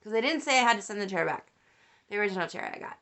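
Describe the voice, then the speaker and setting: Young woman vlogging, bright voice, jumps all over in pitch, swears a lot. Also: rapid-fire. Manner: animated, swears, laughs often. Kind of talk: casual storytelling rant.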